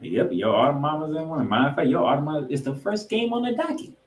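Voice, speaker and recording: Fast and sing-song, a man with a somewhat high voice co-hosts a sports podcast. He previews games emphatically, asking questions and repeating phrases for effect, in sound that echoes around a roomy space.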